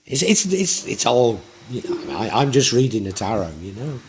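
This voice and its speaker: A man's voice: medium pitch, big pitch swings, normal speed, slight background noise. A man in his sixties giving a tarot reading in a reflective, rambling way with frequent restarts. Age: 60s. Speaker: tarot reader.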